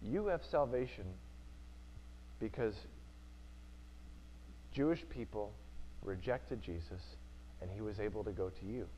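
A man's voice: fairly low pitch, measured pace, pauses often, dark tone, dull audio, slight background noise. A male preacher giving an earnest sermon in church, repeating key phrases for emphasis.

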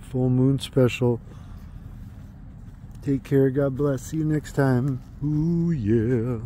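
A man's voice: mid-range voice, steady tone, slow pace, dark tone, a little hiss or hum. A man in his thirties, vlogging enthusiastically outdoors at a tree farm into a phone held at arm's length. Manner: enthusiastic, chatty, exclaims often. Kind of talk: casual vlog narration.

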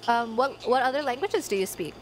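A fairly high-pitched, slightly fast voice belongs to a twenty-something native Tagalog speaker streaming from her bedroom on a headset. She chats rambly, full of fillers, while playing a life-sim game, with game music behind and slight background noise.

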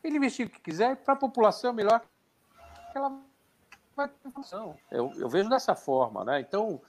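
A man's voice: high-pitched, lively intonation, fast talker. A man giving his opinions in a political discussion over a video call, his voice coming through metallic and glitchy from an unstable internet connection, with hesitant restarts as he thinks aloud. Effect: metallic, glitchy voice from an unstable internet stream. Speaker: political commentator on a talk show.

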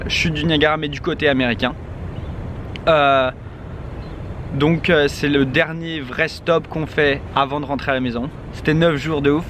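The young vlogger's voice is on the high side and fairly bright. Filming a casual travel vlog with a handheld camera at arm's length on a city street, he rambles with many hesitations as traffic noise carries in the background.

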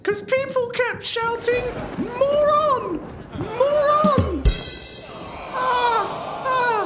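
A woman's voice: very high voice, drawn-out words, over music, exaggerated voice. King Herod, a boastful panto villain, played by a woman. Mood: taunting. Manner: taunting, heckles the audience, sing-song threats.

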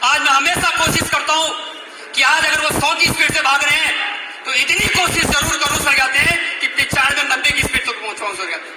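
A man in his thirties giving an emphatic, shouted motivational speech on a stadium stage, often repeating his lines. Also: very high-pitched, fairly quick. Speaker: speaker at business event. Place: large indoor stadium stage. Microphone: far phone camera in audience. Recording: echoey stadium from far off. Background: loud crowd noise.

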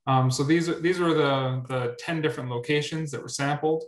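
A young man with a fairly high, fairly even voice presents research at a grower meetup over a video call, speaking at a moderate pace. He repeats words often and says "um" a lot. The webcam picks him up in an indoor room with a roomy echo.

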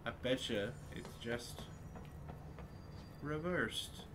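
A man's voice: mid-range voice, drawn-out words, background noise. A man casually commenting on his live gameplay, reacting and swearing as he thinks aloud. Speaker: streamer playing a video game. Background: loud game music.

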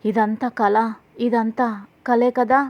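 A woman's voice: fairly high pitch, flat delivery, takes it slowly. A woman voicing a kind young daughter-in-law who speaks with worried respect, in slightly dull audio.

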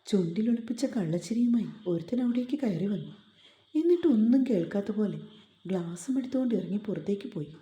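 A woman's voice: mid-range voice, expressive, fast, dark tone, roomy sound. A woman reading a story aloud as narrator, reading every character in one plain voice.

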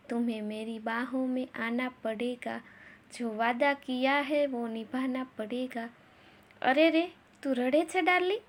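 A woman's voice: high voice, pitched above the performer's own voice, lightly acted. A woman voicing a smug young man who blackmails his ex-lover, mocking her and singing old film songs off-key.

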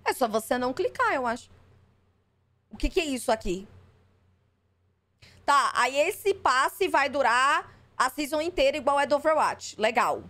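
Skeptical high-voiced streamer woman. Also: animated, a little slow, pauses often, pushed and bright. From Brazil. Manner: skeptical, exasperated, swears freely. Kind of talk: live stream reaction.

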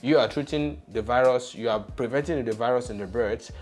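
A man's voice: mid-range voice, brisk, a little mellow, faint music behind. A young man hosting a poultry channel, explaining a hands-on demonstration step by step with emphasis, on a lapel mic in a small studio room.

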